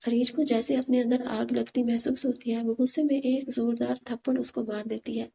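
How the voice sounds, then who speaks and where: A woman narrating a romantic novel in audiobook style, with steady, even storytelling. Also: on the high side, gravelly, echoey room, a little hiss or hum.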